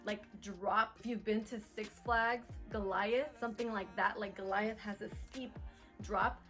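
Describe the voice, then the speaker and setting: A young adult woman telling a personal story to camera in a chatty, animated vlog style. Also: medium pitch, measured pace, soft background music. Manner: chatty, animated, lots of "like" and "oh my gosh". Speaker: vlogger.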